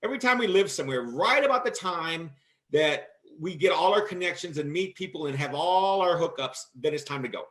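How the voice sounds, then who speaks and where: A man hosting a casual talk show with a fairly high voice. He tells long stories in a lively, animated way, raising his voice to act out what others said. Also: a little fast. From Michigan, USA. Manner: animated, acts out quotes in a loud voice. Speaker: host. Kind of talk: casual storytelling chat.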